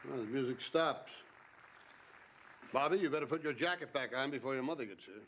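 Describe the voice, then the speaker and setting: Male actor as older domineering father, scolding, very quick talker. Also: medium pitch, highs cut off, noisy background, close to an everyday voice. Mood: commanding. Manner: brisk, commanding, scolding. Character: domineering older father, former government man.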